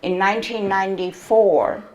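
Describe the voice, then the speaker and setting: A woman in her seventies, a memoir author reading from her book and telling her story to an audience in a slow, measured way. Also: medium pitch, fairly even intonation, a little mellow, poor audio. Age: 70s.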